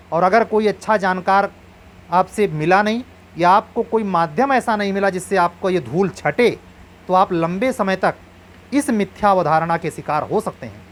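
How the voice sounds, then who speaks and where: A man's voice: sits high, slight background noise. A man coaching exam candidates in an earnest, advising lecture, drawing on proverbs.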